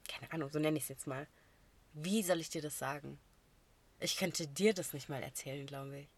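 A young woman co-hosting a podcast, telling stories in a lively way with casual slang. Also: low voice, normal speed. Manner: animated storytelling with slang. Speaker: podcast co-host.

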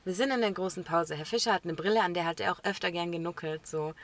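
A woman co-hosting a podcast, telling an animated story in casual chat, laughing often and acting out what people said. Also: lowish voice, quick pace. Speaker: podcast co-host.

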